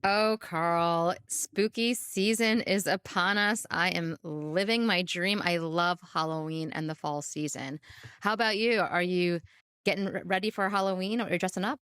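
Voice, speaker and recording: A woman co-hosting a podcast, telling stories in an animated way and laughing often. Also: lowish voice, normal speed, smooth, dry recording, clean studio sound. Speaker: podcast co-host. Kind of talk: casual chat.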